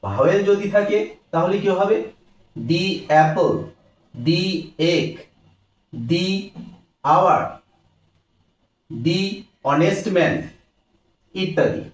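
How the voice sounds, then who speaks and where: A man's voice: high-pitched, animated, slow pace, long pauses, roomy sound, distant mic. A man teaching a grammar lesson, asking questions and answering them himself.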